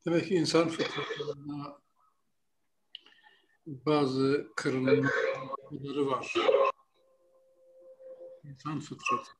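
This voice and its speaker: A man's voice: mid-range voice, little pitch movement, a little hiss or hum. A man teaching a religious text, his voice echoing back over the line. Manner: slow and explanatory. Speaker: teacher leading a reading lesson.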